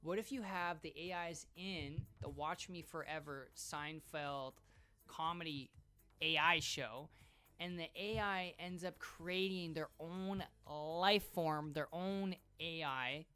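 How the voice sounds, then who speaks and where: A streamer reacting live, rambling and excitable, who swears often. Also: female voice, sits low, slow pace, smooth, faint music behind.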